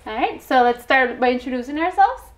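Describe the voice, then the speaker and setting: A young woman hosts a community TV interview from a studio desk, her voice sitting a little on the high side. She keeps things moving with friendly, encouraging replies. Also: animated, fairly quick. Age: young adult. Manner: friendly, encouraging with short backchannels. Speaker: host.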